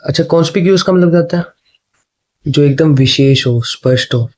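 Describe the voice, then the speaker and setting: A man teaching exam questions, speaking Hindi, chatty and often checking in with his students. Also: fairly high pitch. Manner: chatty, repeats "ठीक है", reads options slowly. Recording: dull lo-fi sound.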